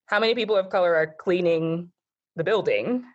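A woman's voice: on the low side, fairly quick, breathy edge, muffled recording. A woman with an American accent, a guest talking thoughtfully in a casual conversation, with frequent fillers. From born in Japan, Nigerian, raised in the US.

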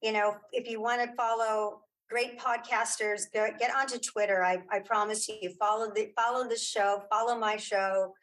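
On a rough recording with a little hiss or hum, a woman speaks at normal speed in a medium, fairly bright voice with fairly even intonation and barely any pauses. She's a podcaster and audio drama creator being interviewed, and her informal chat is emphatic and encouraging, full of repeated phrases.

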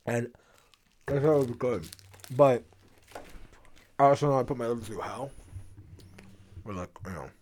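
A man's voice: mid-range voice, moderate pace, pauses often, darkish tone. Laid-back young man, swearing podcast host. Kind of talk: casual chat. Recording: faint background noise.

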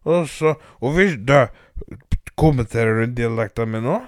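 A man voicing a loud, crude country woman who rambles, swears and boasts. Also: medium pitch, no room sound, clean studio sound, close to an everyday voice. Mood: indignant.

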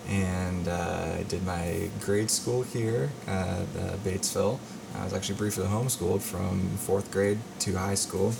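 A man's voice: sits low, steady tone, a little slow, vocal fry. A man in his thirties, born in Canada and raised in Indiana, speaking as a guest doctor and listing his schooling matter-of-factly. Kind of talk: casual interview talk. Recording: distant mic with background noise.

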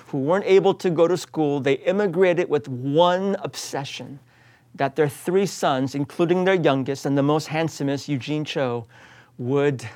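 This man's voice is a little high and a little mellow. In his late forties and from the United States, he preaches as a pastor with earnest emphasis, coming back repeatedly to the same refrains.

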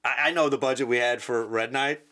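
A man's voice: mid-range voice, fairly even intonation, brisk, pushed and bright. A man co-hosting a podcast in casual chat, teasing his partner and laughing often. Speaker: podcast co-host.

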